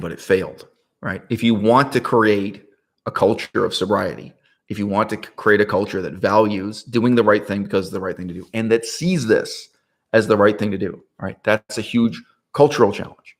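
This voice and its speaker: Animated man musing aloud, lowish voice. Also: a little fast. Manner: animated, rhetorical, often asks "right?"; laughs often mid-sentence. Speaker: political commentator. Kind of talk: casual monologue.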